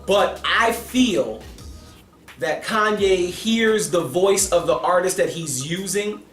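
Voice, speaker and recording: A man giving a casual, animated album review, talking emphatically and with his hands. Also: high voice, slow, echoey room, soft background music. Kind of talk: casual commentary.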